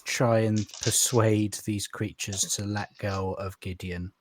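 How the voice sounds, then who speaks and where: A man's voice: on the low side, steady tone, slow, a little hiss or hum. A man playing a tabletop game, talking casually in character with a wordy, hesitant, mock-polite manner.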